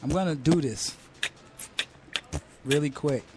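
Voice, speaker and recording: A man's voice: a little high, slow, heavy background noise. A man hosting a radio call-in show, chatting loosely, teasing the caller and reading out listener messages. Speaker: radio host.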